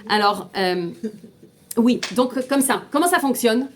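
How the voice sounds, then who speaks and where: Woman teaching, slightly high voice. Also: animated, unhurried. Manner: explains step by step, often asking the class questions; frequent restarts and repeated words. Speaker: teacher of a Tanya class. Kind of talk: informal classroom lecture.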